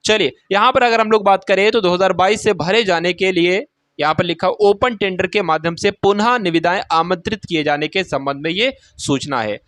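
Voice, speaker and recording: A man presents exam news by walking viewers through an official notice on screen, reading it aloud while chatting to them like friends. His voice sits high and a bit bright, in a dry recording.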